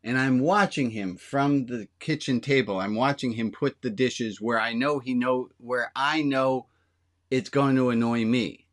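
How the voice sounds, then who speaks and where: A man's voice: medium pitch, measured pace. A man, a rabbi, giving a conversational sermon and taking questions from the congregation in a candid, self-deprecating way. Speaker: rabbi leading a service.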